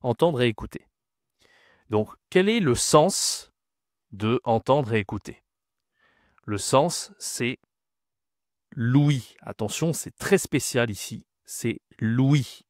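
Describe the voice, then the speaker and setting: A male French teacher gives a vocabulary lesson at a slow, deliberate pace. He repeats each word with care and keeps checking that the learner follows. The sound is dry and close, with no room echo. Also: mid-range voice, expressive.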